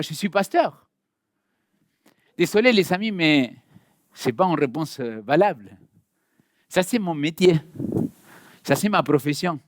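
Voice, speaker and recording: The high-sitting voice belongs to an Argentine pastor preaching in a church hall, who chats directly and warmly with his congregation. His Argentine Spanish accent is light. The audio has studio quality and no echo.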